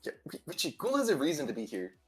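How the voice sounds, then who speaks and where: A man's voice: fairly high pitch, huge pitch swings, quick pace, husky, faint music behind. A man casting a card game tournament stream, casual and teasing, laughing often. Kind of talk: casual stream commentary chat.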